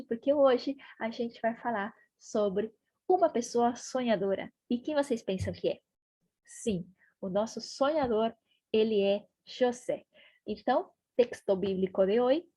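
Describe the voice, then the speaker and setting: Breathy, slow-spoken woman teacher. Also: on the high side, darkish tone, no echo. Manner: slow, deliberate, repeats key words. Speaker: Spanish teacher. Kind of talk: online Bible-based language lesson.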